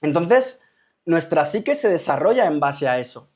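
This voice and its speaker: A man's voice: a little high, sing-song, normal speed, a little mellow. Man in a rhetorical spoken talk. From Spain. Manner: rhetorical, keeps asking "¿me explico?". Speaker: host. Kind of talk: casual spoken talk to viewers.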